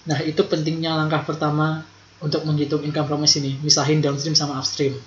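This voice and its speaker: A young man tutors accounting informally, talking colloquially and repeating key points to drive them home. His voice is a little high, monotone and brisk, recorded with a roomy echo, dull lo-fi quality and faint noise.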